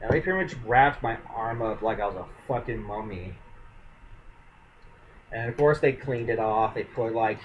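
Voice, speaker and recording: A man's voice: medium pitch, normal speed, pauses often, phone-quality sound, a little hiss or hum. A man hosting a casual podcast, telling a long story in a rambling way with lots of fillers and swearing. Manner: rambling, profane, filler-heavy. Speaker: podcast host.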